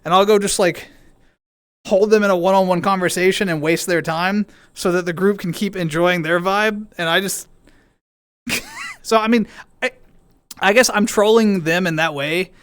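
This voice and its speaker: A man's voice: sits high, very animated, normal speed, a bit bright, smooth, no echo. A young man streaming, chatting casually with his viewers in a rambling way full of restarts and fillers.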